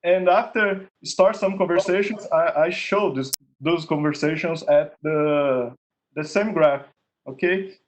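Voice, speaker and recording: A man with a Portuguese accent, slightly high-voiced, presents his winning contest project through a screen-share demo at an online meetup. He speaks slowly and haltingly, repeats words, and ends his points with "okay?", over lo-fi sound.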